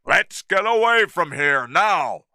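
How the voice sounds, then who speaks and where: A man's voice: high-pitched, very animated, slow pace, dry recording, studio quality, voice pushed up, exaggerated voice. A man doing a barking ship captain. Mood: commanding. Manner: shouted orders.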